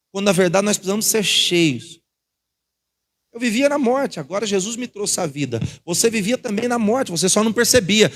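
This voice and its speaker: A man's voice: sits high, vocal fry, a bit bright. A man with a Brazilian Portuguese accent, a pastor preaching a conversational sermon in a church, telling personal stories to the congregation. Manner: conversational preaching with anecdotes, addresses congregation as irmãos.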